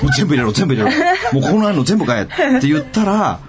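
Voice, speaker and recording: Animated male radio storyteller. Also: on the high side, fast talker, a little hiss or hum. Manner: animated storyteller acting out quotes. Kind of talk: casual radio chat.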